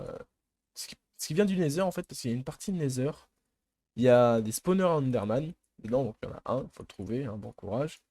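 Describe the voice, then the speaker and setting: A man's voice: mid-range voice, mellow, dry recording. A man giving chatty, rambling commentary while playing a modded block-building game, with lots of hesitant fillers. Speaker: gaming youtuber. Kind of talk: casual let's play commentary.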